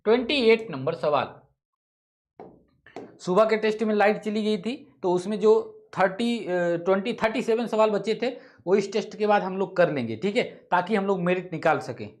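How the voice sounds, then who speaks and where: This male exam-prep teacher runs an online test-solving class, reading each question aloud, reasoning through it out loud, fixing his own slips, and throwing casual remarks to students. His voice is high-pitched and expressive at a normal pace.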